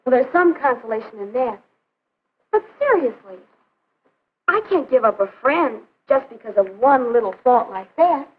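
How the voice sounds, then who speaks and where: A woman's voice: a little high, lively intonation, moderate pace. A young woman acting an outspoken, skeptical teenage girl with an emphatic manner in a 1950s educational film. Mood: skeptical, earnest. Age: teens or young adult. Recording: narrow phone-like 1950s film soundtrack.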